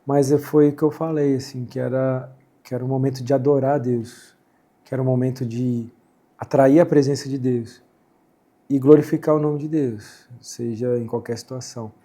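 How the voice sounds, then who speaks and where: A middle-aged Brazilian man, a former footballer, talking reflectively about faith in a casual conversation and quoting scripture, with a husky voice. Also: medium pitch, steady tone, moderate pace, dark tone. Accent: Brazilian Portuguese. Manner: reflective, quotes scripture, many "né" and "assim" fillers. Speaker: guest, former footballer and speaker.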